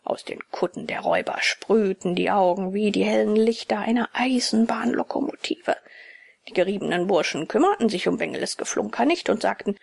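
A woman narrating a storybook audiobook expressively, often in a soft, hushed tone. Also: mid-range voice, fairly quick, vocal fry, slightly rough, no room sound.

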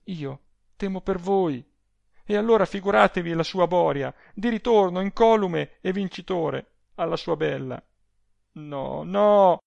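A man's voice: medium pitch, slow pace, muffled recording. A man voicing an agitated society woman who pleads and exclaims in a raised voice, in an audiobook reading. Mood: pleading. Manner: emotional, imploring, exclamatory.

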